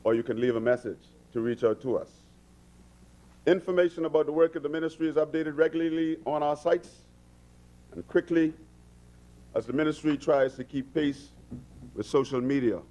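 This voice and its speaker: A Bahamian government minister with a Bahamian accent addresses parliament in the legislative chamber, earnest and oratorical, often restarting his sentences. His mid-range voice is warm, at normal speed with frequent pauses, and the audio quality is poor.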